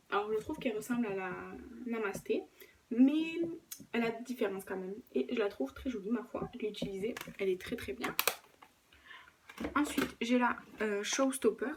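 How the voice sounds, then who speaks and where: A woman's voice: mid-range voice, noisy background. A woman vlogger talking casually through her makeup collection at home, hesitating often and correcting herself. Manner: chatty, lots of hesitations and self-corrections. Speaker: beauty vlogger. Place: at home, filming with a camera on a tripod. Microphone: camera mic on a tripod.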